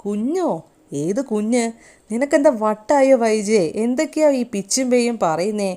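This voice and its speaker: A woman voicing a protective older brother, reading his lines loudly and quickly, scolding and coaxing. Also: medium pitch, lightly acted. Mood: worried, defensive.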